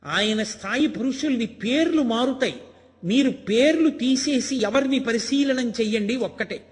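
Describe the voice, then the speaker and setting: An older man gives a spiritual discourse in a high, ringing voice. He tells stories and drives his points home with emphatic rhetorical questions. His voice carries a long reverb from the hall around him. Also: lively intonation, normal speed. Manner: storytelling, emphatic and rhetorical, acting out quoted lines. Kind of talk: Telugu religious discourse.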